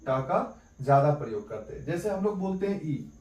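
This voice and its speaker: A man's voice: a little high, expressive, moderate pace, a little mellow. Man teaching in an echoey room. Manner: repeats key points as questions and answers them. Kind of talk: exam-prep lesson. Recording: echoey room, mic at a distance.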